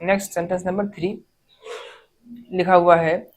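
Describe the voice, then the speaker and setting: A woman teaches a grammar lesson for exam preparation. Her voice sits a little low. She reads each example sentence slowly, word by word, then goes back over it step by step. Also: level tone, low-quality recording. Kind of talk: exam-prep lesson explaining errors.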